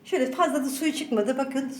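A woman's voice: sits high, brisk. A woman hosting a casual home cooking tutorial, chatting to her viewers as friends while she works. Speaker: cooking channel host. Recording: roomy echo, faint background noise.

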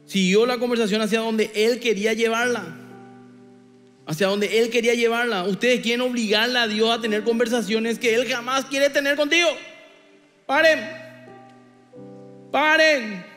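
Paraguayan man, pastor, theatrical sermon delivery, high tenor voice, long hall reverb, faint instrument behind. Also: steady tone, moderate pace, a bit bright, soft background music. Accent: Paraguayan Spanish. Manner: theatrical, acts out whining characters and God's replies. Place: church sanctuary.

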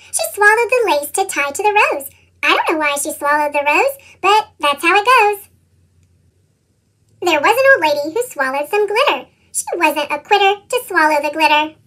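A chipmunk storyteller with a tiny, extremely high helium voice. The sound is squeaky and very bright. It recites a children's storybook in a playful, rhythmic sing-song. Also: full character voice. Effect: pitched-up chipmunk helium voice filter. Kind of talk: scripted children's storybook read-aloud.

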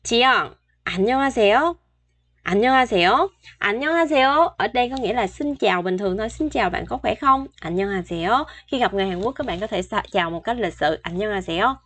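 A woman teaching a beginner Korean lesson online, saying each word several times for practice and explaining in a chatty, friendly way with soft sentence endings. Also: medium pitch, expressive, fast talker, few pauses, slightly rough.

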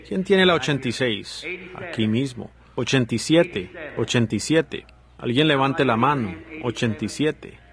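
A man voices a preacher's sermon in a dubbed Spanish reading. His pitch sits in the middle range, and his delivery is earnest, broken up by rhetorical asides and direct questions to the listeners.

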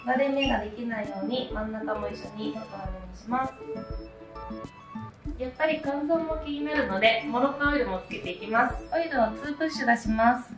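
A woman talks through a hairstyle one step at a time in a plain, even voice, pitched a little high. She sounds set back from the mic in an echoey room. Soft music plays underneath. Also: fairly quick, far from the mic. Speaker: hair tutorial narrator. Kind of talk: calm step-by-step voice-over instruction.

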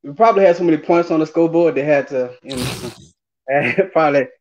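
A man's voice: a little high, brisk, darkish tone. A man in his forties with a New Orleans accent, chatting casually and hesitantly as an interview guest over a video call. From New Orleans, Louisiana. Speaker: interview guest, former college running back. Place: indoors, remote video call. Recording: dull lo-fi video call audio.

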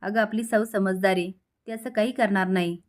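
A woman's voice: mid-range voice, fairly even intonation, normal speed, close to an everyday voice. A woman reading as a homely village father. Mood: reassuring. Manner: reassuring, homely.

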